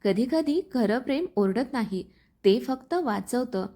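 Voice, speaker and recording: A woman reads as a quiet, gentle young man, selfless and sad. Her voice stays high and lively through it. This is a storybook tale told in a single voice. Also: moderate pace. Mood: calm sad.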